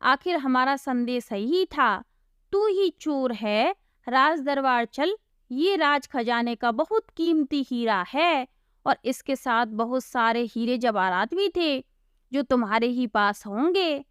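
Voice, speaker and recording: A woman's voice: high-pitched, expressive, slow pace, clear, resonant tone, dry recording, clean studio sound. A woman doing stern accusing royal soldiers. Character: gruff male royal soldiers.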